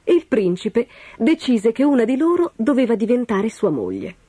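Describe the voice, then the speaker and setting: Woman, storyteller, children's fairy tale, expressive, lively intonation, music in background. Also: on the high side, moderate pace, husky, no room sound.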